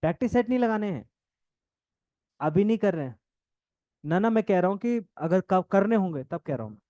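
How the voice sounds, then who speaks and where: A man teaching a coaching class, dictating notes and repeating phrases, talking fast and joking with students now and then. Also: sits high, animated, warm tone, no echo, highs cut off. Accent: north Indian Hindi. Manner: jokes with students, laughs often.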